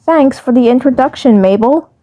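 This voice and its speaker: A woman's voice: high voice, normal speed, warm tone. A woman voicing a nervous, defensive little male alien commander with a terse, hesitant manner, in an amateur cartoon fandub.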